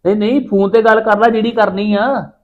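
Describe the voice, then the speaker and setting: A man playing a busy farmer husband, talking in a gruff, defensive way. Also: high voice, fairly even intonation, a little fast, phone-quality sound. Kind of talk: village drama acting.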